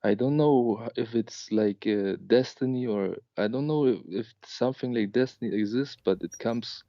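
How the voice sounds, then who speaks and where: Halting young male caller on a dull line. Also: mid-range voice, mellow, dry recording. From Germany. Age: late 20s. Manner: halting, with many fillers and restarts. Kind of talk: phone-in caller telling a personal story.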